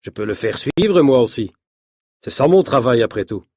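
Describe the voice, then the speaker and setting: A man's voice: medium pitch, lively intonation, normal speed, a little mellow, slightly rough, no room sound, clean studio sound. A man voicing a reassuring adult male private investigator in a matter-of-fact way.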